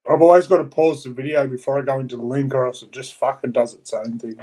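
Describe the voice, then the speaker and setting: A man's voice: medium pitch, fairly even intonation, quick pace, warm tone, rough recording. A man chatting casually as a livestream guest, blunt and sweary. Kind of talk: casual chat.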